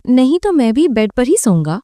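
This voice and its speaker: Woman reading as a brooding young romantic hero, earnest, warm low voice, dry close sound. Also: big pitch swings, dry recording. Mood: tender.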